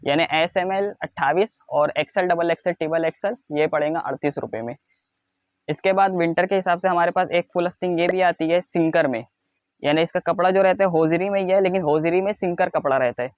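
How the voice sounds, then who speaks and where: An Indian man giving a product showcase as a wholesale seller, in a repetitive, insistent sales pitch that stresses low prices. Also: fairly quick, no echo, lo-fi sound. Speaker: wholesale clothing seller presenting stock.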